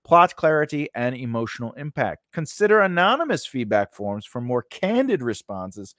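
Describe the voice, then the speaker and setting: With a sing-song, fairly bright medium-pitched voice at normal speed, a middle-aged man hosts a screenwriting lesson channel. He speaks emphatically and conversationally to camera, close into a stand-mounted condenser mic, in a small home studio with a cloth backdrop. There's no echo.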